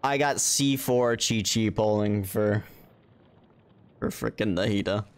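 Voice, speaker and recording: Low-pitched and slow, a man streams gameplay from an indoor room set up for streaming while game music plays. His chat is casual and profane, full of self-mockery.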